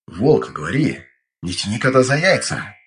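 A man voicing a weary, gruff young noble heir commanding troops in an audiobook, curt and grumbling. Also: medium pitch, very animated, normal speed, a bit bright, slight background noise. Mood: grumbling, impatient.

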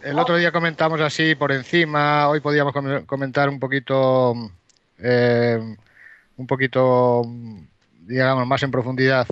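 A man, an advisor guest on a radio chat, calm and agreeable, explaining step by step. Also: medium pitch, moderate pace, clear, resonant tone, no room sound. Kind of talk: casual radio interview. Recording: dry, dull lo-fi sound.

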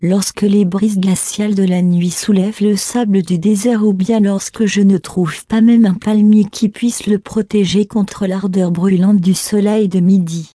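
A woman's voice: mid-range voice, steady tone, unhurried, few pauses, warm tone, no echo, studio quality, natural voice. A woman reading a tender pleading holy mother.

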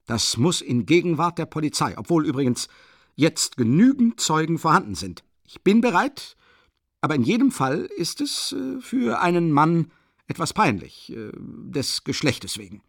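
A stiff, pompous gentleman stammers and hedges in a slightly raised voice, as a male reader acts him out. The reading sounds dry and close. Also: a little high, very animated, normal speed, creaky, no echo, voice pushed up, heavily acted. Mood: flustered pompous.

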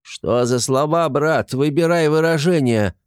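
A man voicing a small, cowardly male creature who pleads in a shrill voice. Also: a little slow, smooth, no room sound, clean studio sound, lightly acted. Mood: indignant.

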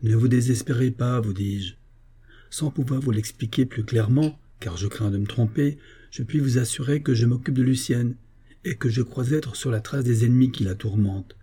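A man reading the part of a kind, discreet young man who speaks in a gentle, reassuring way. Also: medium pitch, moderate pace, breathy edge, close to an everyday voice.

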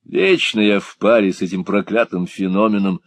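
A man's voice: fairly low pitch, fairly even intonation, moderate pace, no echo, close to an everyday voice. A man voicing a fretful pantomime actor who asks anxiously and grumbles. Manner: anxious, complaining.

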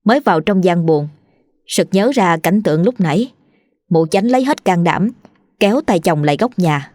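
A woman narrating a ghost story in a steady, measured storytelling voice. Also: on the low side, no room sound, clean studio sound.

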